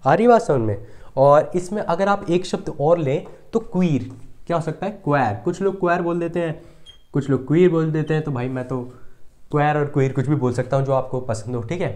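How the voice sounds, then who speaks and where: A man's voice: a little high, a little fast, darkish tone. A man teaching English vocabulary in a casual online lesson, repeating each word and checking often that students follow. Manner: repetitive, checks understanding often, drills words.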